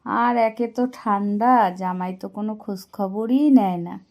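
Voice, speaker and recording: A woman's voice: mid-range voice, unhurried, darkish tone, lightly acted. A woman playing a lonely, prying mother-in-law in a scripted comic phone skit, drawling and reproachful. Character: lonely complaining mother-in-law, middle-aged.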